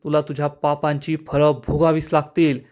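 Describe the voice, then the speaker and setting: A man's voice: fairly high pitch, monotone, moderate pace, darkish tone, highs cut off, close to an everyday voice. A man reading out the lines of an angry, stern mother from a TV serial in a scolding tone.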